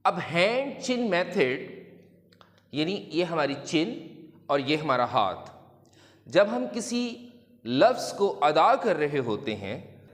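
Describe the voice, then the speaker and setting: A man teaching a lesson to children, explaining slowly and deliberately and drawing out example words. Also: on the high side, sing-song, big-room sound. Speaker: English teacher.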